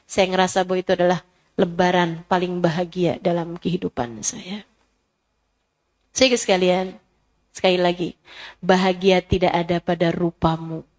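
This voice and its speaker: Emotional woman preacher telling a story. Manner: emotional storytelling, swings from soft to high and loud. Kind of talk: sermon with personal story.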